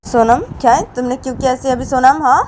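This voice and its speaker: A hot-tempered older woman who scolds in a raised, higher voice and keeps hammering the same questions, as a woman narrator puts her on. Traffic noise runs underneath the whole recording. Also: quick pace, lightly acted. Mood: furious. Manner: loud, hectoring, repeats questions.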